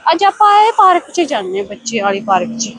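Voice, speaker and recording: High-pitched chatty woman vlogging outdoors. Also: big pitch swings, normal speed, fairly bright tone, poor audio. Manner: chatty, exclamatory running commentary. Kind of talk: casual walking vlog chat to viewers. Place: outdoors, walking along streets. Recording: outdoor ambient noise.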